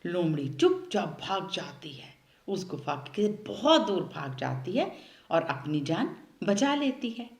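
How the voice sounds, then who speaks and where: A woman telling a children's story, speaking directly to the young listeners in an animated way. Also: on the low side, slow. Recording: roomy echo.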